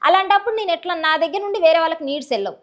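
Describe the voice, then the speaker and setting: Her pitch is extremely high and her speech very fast as this social media personality from a rural Telangana village gives a candid interview. She speaks bluntly and passionately in a Telangana Telugu accent.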